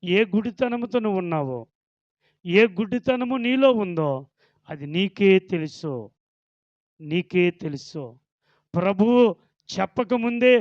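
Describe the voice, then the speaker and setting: Male pastor, high pitch, fiery sermon delivery, dull dry recording. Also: no room sound. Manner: fervent preaching, swinging from loud warnings to low murmurs.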